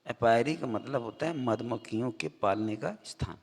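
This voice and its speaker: A man teaching English vocabulary, reading definitions slowly word by word and then explaining them in Hindi. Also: medium pitch, breathy edge, long reverb tail. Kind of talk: vocabulary lesson.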